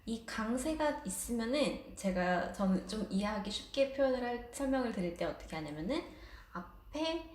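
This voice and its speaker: A woman's voice: a little high, big pitch swings, normal speed, darkish tone, reverberant. A woman teaching a casual online language lesson, explaining patiently with light laughs.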